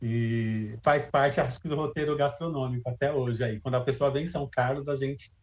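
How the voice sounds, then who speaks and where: A man's voice: mid-range voice, steady tone, a little fast. A man, interviewing in an informal, conversational way with hesitant phrasing.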